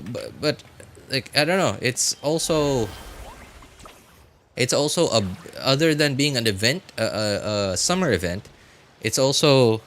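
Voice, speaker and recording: A man hosts a game livestream, chatting casually and rambling while repeating and reworking his phrases. His voice is medium-pitched with a fairly bright tone.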